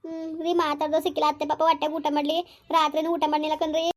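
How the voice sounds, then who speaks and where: A quick, high, pleading voice of a wronged young daughter-in-law, played by a woman in a homemade family drama. She keeps asking what she did wrong. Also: monotone, lightly acted. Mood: hurt. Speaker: village skit actor.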